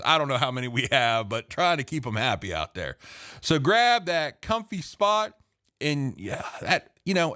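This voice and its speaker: A man's voice: fairly high pitch, pushed and bright. A middle-aged man hosting a late-night podcast from a home basement studio, rambling and joking casually, laughing at his own corny jokes, sounding tired. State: tired, running on energy drinks. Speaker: podcast host.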